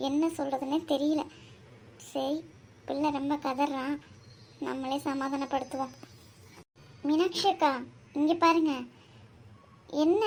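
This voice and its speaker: A cheeky young girl, voiced by a woman, chatters in a high voice. She is teasing and talkative. It is a cartoon role.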